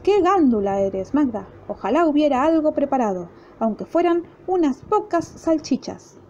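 A grumbling, whiny husband from a fairy tale, put on by a woman storyteller with an Argentine accent. He complains in a high, mellow voice. The recording is dull and lo-fi with a faint hiss. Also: big pitch swings, moderate pace. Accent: Argentine Spanish. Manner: gruff and whiny. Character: grumpy, complaining middle-aged husband.

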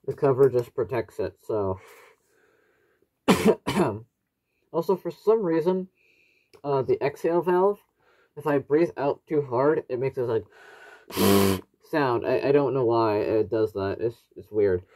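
A man's voice: medium pitch, animated, normal speed, mellow. Young man talking through a gas mask. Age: young adult. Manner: rambling, explanatory. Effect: muffled through a gas mask. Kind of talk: casual hands-on product review. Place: small living room at home, indoors.

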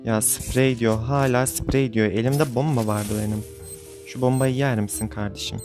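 Young gaming creator, irritable running commentary, mid-pitched, faint music under. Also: male voice, fairly even intonation, normal speed, darkish tone. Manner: exasperated, grumbling, venting at the game. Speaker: gaming YouTuber. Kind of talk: frustrated live game commentary.

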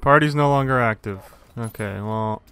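A man's voice: mid-range voice, normal speed, a bit bright, smooth. A young man chatting over a headset while gaming, exasperated, laughing often and swearing. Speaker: gamer in party chat. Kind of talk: casual chat while gaming.

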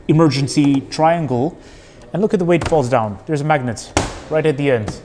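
A man's voice: fairly high pitch, moderate pace, noisy background. A man giving a casual, candid car review walkthrough, chatty with frequent fillers.

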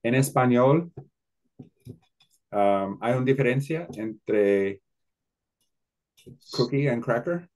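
A man's voice: mid-range voice, takes it slowly, pauses often, a little mellow. A man hosting an online language class on a video call, explaining patiently and moving between two languages.

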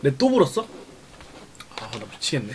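A man's voice: mid-range voice, wildly swooping pitch, moderate pace, heavy background noise. A young man live-streaming a meal, reacting to viewer chat with teasing, laughing remarks and muttering between bites. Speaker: mukbang streamer.

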